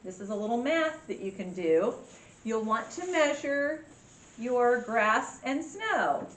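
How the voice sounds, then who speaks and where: A woman walks children through a step-by-step craft tutorial, giving simple instructions in a cheery children's-host manner. Her voice is a little high, a bit bright and expressive, and she takes it slowly. She's in an echoey indoor room with faint background noise.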